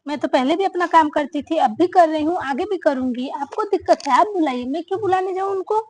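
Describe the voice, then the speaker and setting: A woman's voice: extremely high pitch, a little fast, poor audio. A woman playing a fed-up elder daughter-in-law. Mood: indignant. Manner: complaining, sharp retorts. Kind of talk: family drama acting.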